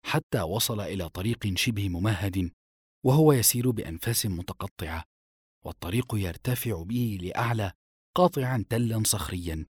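A man narrating a novel as an audiobook in expressive storytelling style. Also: lowish voice, normal speed, husky, no room sound, studio quality. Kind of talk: scripted narration.

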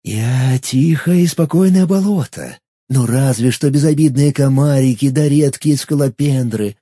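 A man voicing a talking swamp, his soft, fawning tone morphing into a sly, nasty menace. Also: medium pitch, measured pace, slightly rough, no echo, studio quality. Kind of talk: audiobook narration.

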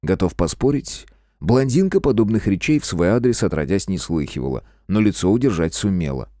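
A man narrating a first-person audiobook in a wry, expressive way. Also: low voice, brisk, no room sound, clean studio sound.

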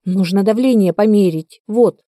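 A woman voicing a young woman with nurse training who speaks briskly and firmly. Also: mid-range voice, warm tone, no room sound, clean studio sound, lightly acted. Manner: brisk, commanding.

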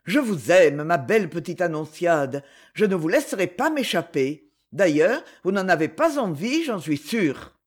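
Guy reading as a cocky rich young charmer, husky, haughty, swings up and down a lot. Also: sits high, sing-song, a little slow, full character voice. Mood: insistent. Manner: ironic, haughty, insistent.

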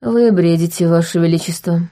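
A woman voicing a restrained young nobleman who speaks coldly and low, through clenched teeth. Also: a little fast, warm tone, close to an everyday voice. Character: cold, restrained young nobleman, quietly angry.

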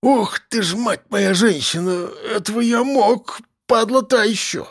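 A man voicing a hungover, whiny drunk man suspected of murder, with a raspy, slurred voice. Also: sits high, unhurried, voice pushed up.

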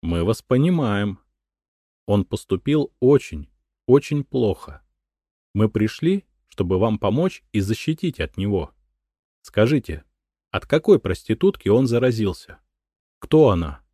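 A man voicing a calm young man who speaks gently and coaxingly, in an audiobook. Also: fairly low pitch, measured pace, dry recording, clean studio sound, pitched above the performer's own voice.

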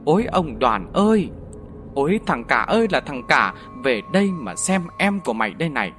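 A man's voice: fairly high pitch, big pitch swings, moderate pace, fairly bright tone, faint music behind. A man voicing a grief-stricken old village mother, keening and lamenting. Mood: wailing.

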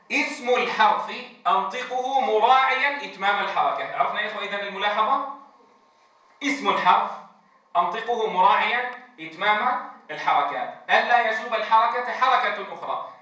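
Bright-voiced man lecturing in an echoey room. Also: sits high. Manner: drawn-out demonstrations of letter sounds, frequent check-ins with the class. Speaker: Quran teacher trainer. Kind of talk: classroom lecture. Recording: very echoey room, distant mic.

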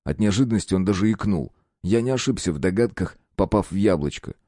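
A male narrator reading a first-person story in a steady, measured way. His voice sits low with a dark, mellow tone. The recording is dry and close. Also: no room sound. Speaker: audiobook narrator.

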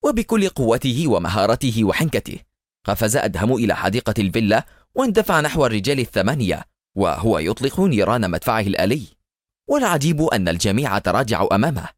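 A man's voice: on the low side, big pitch swings, fast talker, no echo, clean studio sound. A man narrating a storybook in a dramatic, scripted reading. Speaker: audiobook narrator.

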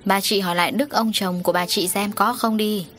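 A woman's voice: mid-range voice, steady tone, a little fast, a bit bright, slight background noise, close to an everyday voice. A woman voicing a scornful middle-aged man who mocks and provokes, in a storybook reading. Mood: mocking. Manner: mocking, sneering.

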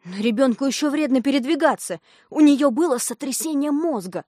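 A woman voicing a flustered, indignant hospital worker who sounds shrill and astonished in an audiobook. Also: lively intonation, moderate pace, darkish tone, slightly rough, dry recording, studio quality. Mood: protesting. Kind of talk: audiobook reading.

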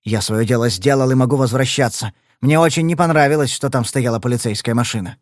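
A man doing a gruff, menacing brawler. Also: mid-range voice, quick pace, no room sound, clean studio sound, lightly acted. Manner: growling, blunt. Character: thuggish, scarred male brawler, blunt and menacing.

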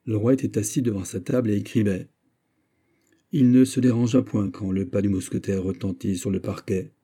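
A man narrating a classic novel as an audiobook in a calm, measured way. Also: lowish voice, breathy edge.

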